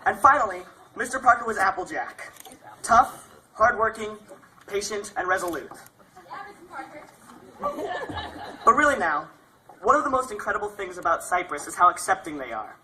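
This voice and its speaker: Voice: medium pitch, big pitch swings, normal speed, long pauses, pushed and bright, a faint crowd, a little hiss or hum, low-quality recording. A young adult speaker delivering a prepared graduation speech as a graduating student.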